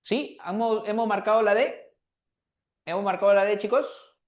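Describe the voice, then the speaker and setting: A man teaching an online language review class, often checking in with students and filling pauses with "eh". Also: high-pitched, reverberant. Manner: asks students questions, fills with "eh" and "¿ya?".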